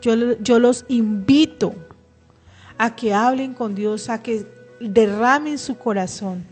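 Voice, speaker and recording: A woman's voice: fairly high pitch, slow, a little mellow, faint music behind. A middle-aged woman, sharing an emotional personal religious testimony on a radio program, earnest, with frequent restarts. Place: radio studio.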